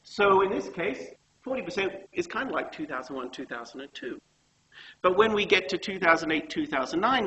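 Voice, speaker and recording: A man's voice: on the high side, sharp tone, poor audio. A man giving a conversational university economics lecture, asking the class questions and correcting himself as he goes.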